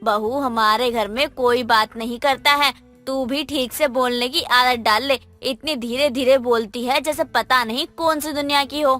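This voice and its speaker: An impatient, sharp-tongued mother-in-law nags and scolds, voiced by a woman. The voice is high-pitched, over faint background music in this animated tale. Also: measured pace, hardly any pauses. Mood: scolding. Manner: scolding, nagging. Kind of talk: animated moral story dialogue.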